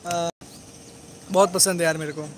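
A man's voice: fairly high pitch, fairly even intonation, a little slow, a little hiss or hum. A man hosting a casual live stream about his dogs, rattling off greetings to commenters and often adding "right?" tag questions. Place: at home among his dogs.

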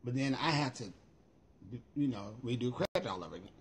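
A man's voice: medium pitch, animated, a little fast, husky. A middle-aged American man chatting casually on a livestream in a sassy, emphatic way, swearing freely, recorded on a phone in a room at home. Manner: sassy, emphatic, profanity-laced. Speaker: vlogger. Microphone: phone at arm's length.

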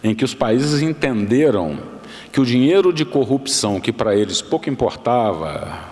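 A man's voice: mid-range voice, very animated, darkish tone. Older man lecturing in a big hall. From Brazil. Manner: measured, explanatory, with restarts and self-corrections. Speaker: guest lecturer. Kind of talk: formal lecture. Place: large university auditorium, speaking at a lectern. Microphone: lectern microphone. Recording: long hall reverb.

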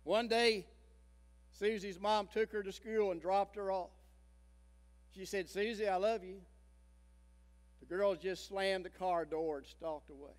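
A man in his sixties, a pastor preaching a sermon, telling a story dramatically and swinging between loud emphasis and hushed tones. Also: high voice, unhurried, pauses often. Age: 60s. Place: church sanctuary. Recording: long church reverb.

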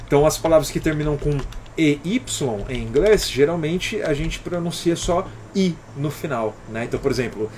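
A man's voice: on the high side, lively intonation, normal speed, hardly any pauses, darkish tone, a little hiss or hum. A man with a Brazilian Portuguese accent teaching English on a live stream, explaining patiently and greeting viewers by name, often ending with "alright?".

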